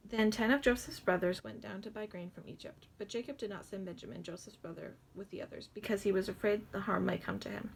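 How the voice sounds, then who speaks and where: A woman's voice: medium pitch, quick pace, creaky, hardly any pauses, slight background noise. A young woman reading the Bible aloud with rambling, giggly asides and stumbles on hard names. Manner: rambling, giggly asides full of likes and ums.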